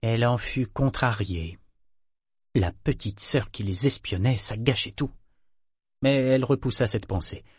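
A man reads a novel aloud in a measured, steady storytelling manner. His voice sits at a middling pitch. The recording is close and completely dry. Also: slightly rough, dry recording. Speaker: audiobook narrator. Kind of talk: scripted narration.

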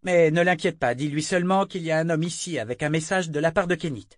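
A man's voice: on the high side, fast talker, dry recording, clean studio sound, pitched above the performer's own voice, lightly acted. A man voicing a stern, commanding woman. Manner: firm, commanding. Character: stern, wary woman leading her household. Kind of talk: audiobook character voice.

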